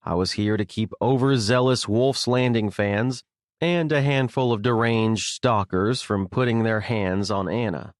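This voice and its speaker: A male audiobook narrator tells the story in the first person, low-pitched and wry with a sardonic bite. The studio sound is close and dead dry. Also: a little slow, no room sound. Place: recording studio. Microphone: close studio mic.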